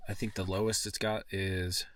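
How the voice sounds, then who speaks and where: A man talking casually to camera as a solo camping vlogger, in a relaxed, understated way. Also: low voice, moderate pace. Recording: clear background noise, small clicks.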